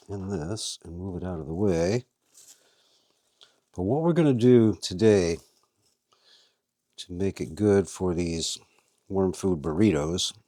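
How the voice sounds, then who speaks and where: A man's voice: low-pitched, mellow, no echo, studio quality. A man hosting a casual how-to video, chatting as he works and talking to his worms. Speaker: vlog host and worm farmer.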